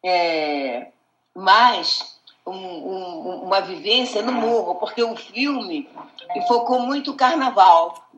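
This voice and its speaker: A woman's voice: mid-range voice, lively intonation, takes it slowly, lo-fi sound, slight background noise. An older woman with a Brazilian accent, reminiscing conversationally as an interviewee, repeating words and adding little tag questions. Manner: hesitant, repeats words, checks with tags. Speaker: interviewee, actress. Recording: echoey room.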